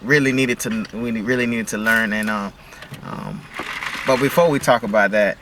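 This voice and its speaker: A man's voice: fairly low pitch, big pitch swings, normal speed, background noise. A man chatting casually in a car, easygoing, with frequent laughs and fillers. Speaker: vlogger, father. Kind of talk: casual chat.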